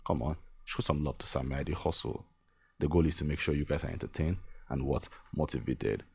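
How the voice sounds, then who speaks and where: His voice is very deep, gravelly and breathy, and he talks briskly. The young Nigerian man is hosting his podcast, giving a sincere motivational monologue full of repeated points and small bursts of laughter.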